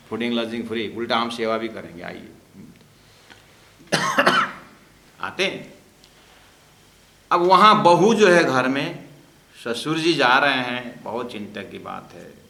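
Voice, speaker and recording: A man's voice: on the low side, vocal fry, sharp tone, a little hiss or hum. A man teaching a scripture class, explaining verses and acting out the dialogue in small stories. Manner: acts out dialogue in story asides. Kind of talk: Hindi scripture class with storytelling. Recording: roomy echo.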